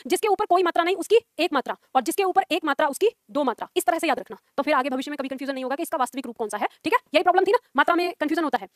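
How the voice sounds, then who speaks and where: A woman's voice: high voice, dry recording, clean studio sound. A young woman teaching a Hindi class, explaining pronunciation patiently, repeating points and drilling sounds aloud.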